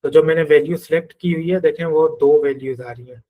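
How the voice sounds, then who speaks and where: A male programming teacher with a Pakistani Urdu accent talks through a coding lesson on screen. He thinks aloud and walks through each step, in a voice that sits a little higher than most men's. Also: fast, phone-quality sound. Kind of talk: screen-share coding class.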